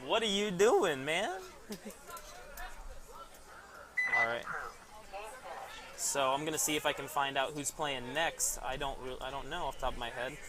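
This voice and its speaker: A man's voice: medium pitch, steady tone, a little slow, pauses often. A man casually commentating a live paintball webcast outdoors, chatty and rambling, laughing at himself. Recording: outdoor background noise.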